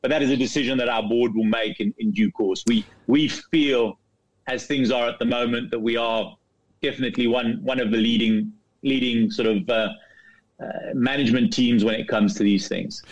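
A middle-aged man from Zambia, a company chief in a business interview, speaking haltingly with many restarts and repeated words. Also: medium pitch, fairly even intonation. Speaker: property fund CEO, guest. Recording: dull lo-fi remote line.

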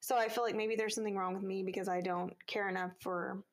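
A woman's voice: mid-range voice, steady tone, fast talker. A woman co-hosting a casual podcast chat, blunt and exasperated, with petty jokes. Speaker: podcast co-host.

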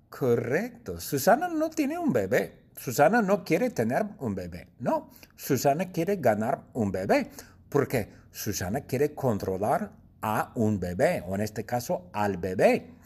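Guy teacher telling a goofy story real slow, bouncy lively pitch, kinda husky. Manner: slow, repetitive, playful, with sound effects and laughs. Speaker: language teacher. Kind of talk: storytelling for learners.

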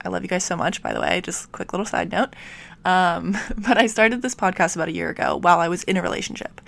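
Nasal, gravelly-voiced young woman podcaster. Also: lowish voice, fairly bright tone. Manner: chatty, frequent ums and small laughs. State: slightly sick, nasal. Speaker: podcast host. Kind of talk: casual solo podcast Q&A.

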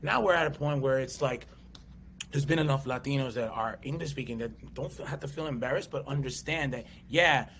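As a guest in a casual interview chat, an American comedian-actor in his thirties tells lively stories, regularly imitating voices and acting out quotes. He talks a little fast at a medium pitch, with slight background noise.

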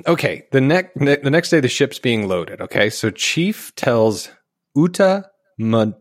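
A man's voice: medium pitch, big pitch swings, moderate pace, dry recording, studio quality. A man co-hosting a podcast, casually retelling a movie plot with jokey asides. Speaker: podcast co-host. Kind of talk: casual movie recap chat.

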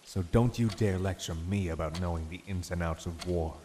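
An actor playing a stern older army doctor in an audio drama, questioning a soldier. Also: male voice, low-pitched, brisk, natural voice. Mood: indignant. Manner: stern, probing, then indignant. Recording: reverberant room with rain noise.

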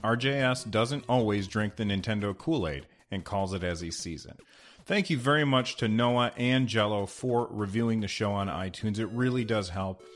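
A man with a lowish voice hosts a podcast on his own, talking in a chatty, rambling way. His voice bounces around an unfinished studio room and comes back with a clear echo. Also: moderate pace, faint music behind. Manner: chatty and rambling, many fillers. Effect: echoey half-finished room. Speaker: podcast host. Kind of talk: casual solo podcast talk.

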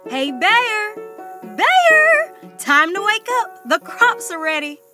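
A woman voicing a clever, hardworking mother rabbit in a children's story, with a cheerful, brisk and matter-of-fact way of talking. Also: sits high, expressive, music in the background.

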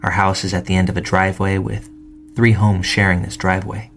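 A man reading first-person true stories aloud in calm, measured scripted narration. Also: sits low, slight background noise.

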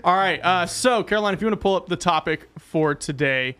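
A man's voice: high voice, expressive, brisk, a bit bright. A man hosting a reaction show with casual banter. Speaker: talk show host.

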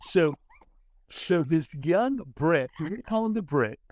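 A man's voice: a little high, sing-song, a little slow, a little mellow, no room sound. A man co-hosting a podcast who leads the conversation, hypes up his friend and often restarts his sentences. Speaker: podcast co-host. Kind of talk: casual chat, leading the story.

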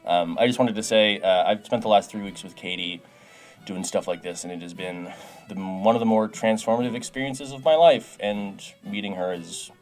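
A lower-voiced man who hosts a tabletop podcast and speaks earnestly, circling back and restarting his sentences. Faint music plays behind him. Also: moderate pace, darkish tone. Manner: rambling, hesitant, earnest. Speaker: player and podcast co-host.

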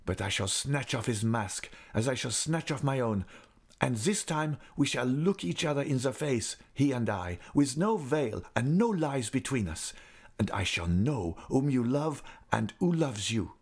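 A man's voice: fairly high pitch, a little slow, darkish tone, voice pushed up. Man acting a melodramatic, jealous young nobleman. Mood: angry, jealous. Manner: melodramatic, bitterly accusing. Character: passionate jealous young nobleman, wounded and furious. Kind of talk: dramatic audiobook character reading.

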